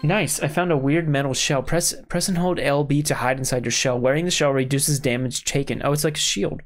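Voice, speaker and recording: A man's voice: fairly high pitch, brisk. A young man giving casual, exclamatory let's-play commentary as a gaming host. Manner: excitable, exclamatory. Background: game music.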